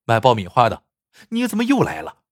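A man voicing a pushy, short-fused boss in an audio storybook, barking his words in a brusque, scolding tone. The voice is husky and dry, with lively swings in pitch. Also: a little fast, dry recording. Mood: indignant. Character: pushy, hot-tempered male construction boss.

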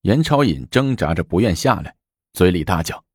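A man tells a historical story in an animated, dramatic way. His voice sits low and sounds dry and close to the mic. He leans into the tense moments. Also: moderate pace, breathy edge, no room sound.

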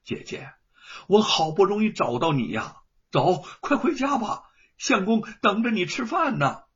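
Man doing a gentle young wife, hushed breathy soothing voice, raised pitch, storybook telling. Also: big pitch swings, measured pace, exaggerated voice. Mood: coaxing. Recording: dull lo-fi recording.

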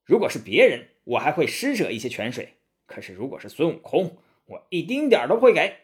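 A man voicing a furious, vengeful male immortal in a storybook tale, shouting with menace. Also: medium pitch, big pitch swings, normal speed, lightly acted. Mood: hostile.

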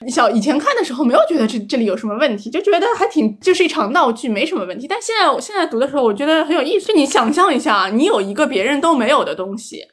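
A woman co-hosting a podcast talks about rereading a classic in a bright, high voice. She speaks fast and chatty, circling back and restarting her thoughts as she goes. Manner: quick, chatty, thinks aloud with frequent restarts. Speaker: podcast host. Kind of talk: casual book chat.

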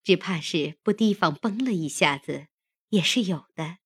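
A woman voicing a loyal, gentle young maid who coaxes and soothes her mistress. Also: lowish voice, animated, husky, no room sound. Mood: soothing. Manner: coaxing, raised and quick when calling out. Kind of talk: audiobook character reading.

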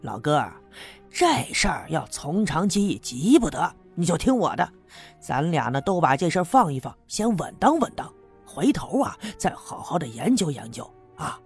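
A smooth-talking, scheming village man, as a man reads him out. He coaxes and wheedles through a slightly husky voice that rises and falls a lot, with faint music behind. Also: on the high side, sing-song, moderate pace, voice pushed down, heavily acted. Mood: persuasive. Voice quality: coaxing, wheedling. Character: sly scheming middle-aged village man.

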